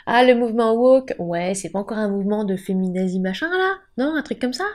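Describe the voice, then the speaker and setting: A woman's voice: mid-range voice, expressive, fairly quick, lightly acted. A woman voicing a dismissive, grumbling skeptic who sneers at young people. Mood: scoffing.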